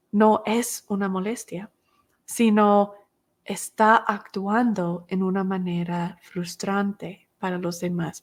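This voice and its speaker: Woman teaching with rhetorical questions. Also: mid-range voice. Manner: explains step by step with rhetorical questions. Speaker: teacher of a recovery class. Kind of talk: podcast class lecture.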